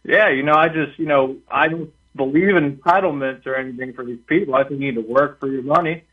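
An older man calling in to a radio show over the phone, talking in a hesitant, halting way with many fillers. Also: medium pitch, slightly rough. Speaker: caller. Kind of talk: call-in radio talk. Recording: tinny distant phone line.

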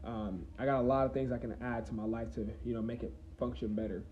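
A man's voice: mid-range voice, fairly even intonation, fast, slight background noise. Young man musing on a podcast. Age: 20s. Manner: rambling, reflective, many fillers and restarts. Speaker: podcast host. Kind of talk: casual solo podcast talk. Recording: roomy, slightly dull recording.

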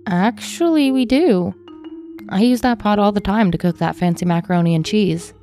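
A woman's voice: mid-range voice, normal speed, warm tone, faint music behind, pitched above the performer's own voice, natural voice. A woman voicing a frustrated young boyfriend, speaking raised and indignant.

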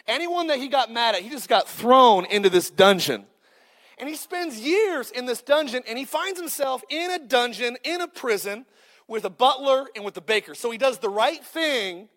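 A man in his thirties delivers a sermon in a very high voice. He is joking and punchy, and he calls out to the congregation. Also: a bit bright. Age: 30s. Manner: joking, punchy preaching with call-outs to the crowd. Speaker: pastor.

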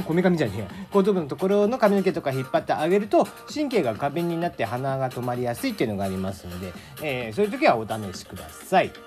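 A man's voice: sits high, a little mellow. A man hosting his own casual talk show, chatty and rambling, often stopping to correct himself. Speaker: podcast host. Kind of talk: casual solo radio talk.

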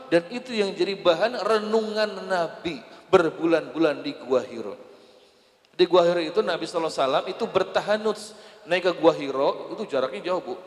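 A man preaching a religious talk to women, lively and joking as he addresses them directly. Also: fairly high pitch. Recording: echoey hall.

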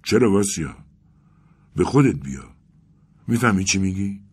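A man's voice: deep voice, expressive, darkish tone, husky, pitched above the performer's own voice. A man voicing a devoted, worried young friend who speaks in an urgent, coaxing way.

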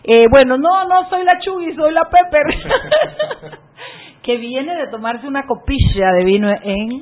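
A woman's voice: sits high, normal speed. Chatty woman radio host, tinny audio. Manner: lively, chatty, acts out voices in anecdotes. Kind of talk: casual radio chat and storytelling. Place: radio studio booth. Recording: narrow phone-like radio audio.

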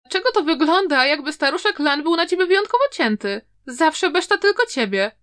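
A chatty young student from a storybook, envious of others and wistful about his own weak talent, as a woman reader plays him. He speaks in a high, light voice with a gossipy lilt. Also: expressive, a little fast, fairly bright tone. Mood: curious gossip. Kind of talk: audiobook character reading.

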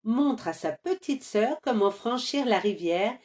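A woman narrates a children's cartoon in a gentle, measured storybook manner. She speaks slowly, and her fairly high voice rises and falls with a lot of expression. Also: expressive.

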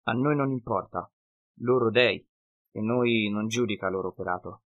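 A man voicing a cunning half-blood northern wanderer who speaks slow, broken, ungrammatical sentences in an audiobook. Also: fairly low pitch, narrow, tinny audio, close to an everyday voice. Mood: philosophizing.

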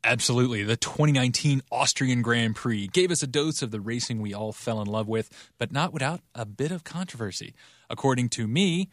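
A man's voice: medium pitch, fairly quick, no echo, studio quality. A man co-hosting a podcast, chatting casually and enthusiastically, rambling with many fillers. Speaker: podcast co-host. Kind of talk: casual chat.

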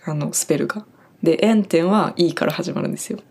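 A woman's voice: deep voice, fast, creaky, darkish tone, slightly rough. A young Japanese woman from Japan who works on a farm, casually explaining German words she uses on the job, with lots of fillers. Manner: chatty, friendly explaining with many fillers. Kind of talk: casual spoken lesson.

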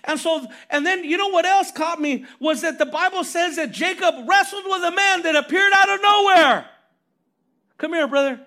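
A man preaching a lively, conversational sermon as pastor, telling stories animatedly and calling for amens. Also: extremely high pitch, moderate pace. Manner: animated storytelling, calls for amens.

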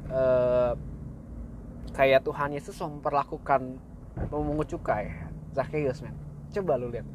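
A man's voice: medium pitch, fairly even intonation, a little slow, background noise. A young man giving a casual, slangy faith talk, laid back and full of fillers and chuckles.

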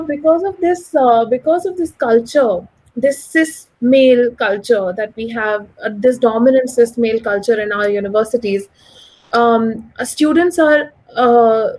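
A woman's voice: fairly high pitch, measured pace, a little mellow, rough recording. A woman of about thirty with a posh, educated Delhi Indian English accent, giving articulate, opinionated answers in a conversational interview, often saying "like" and "you know". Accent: educated urban Delhi Indian English, posh. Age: around 30. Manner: articulate, opinionated, frequent 'like' and 'you know'. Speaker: interview guest, economist.

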